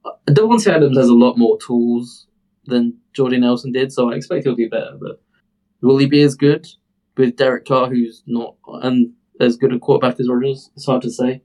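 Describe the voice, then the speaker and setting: A man's voice: medium pitch, steady tone, moderate pace, mellow, rough recording. A British man co-hosting a casual sports podcast, rambling and hesitant with many fillers. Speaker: podcast co-host.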